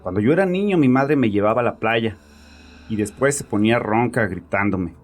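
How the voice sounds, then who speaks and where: In a horror audio drama, a man plays a bitter, domineering grieving father confiding in a therapist with agitated, sarcastic arrogance and self-justification. His lowish voice is expressive and a little fast, lightly acted, with faint music behind.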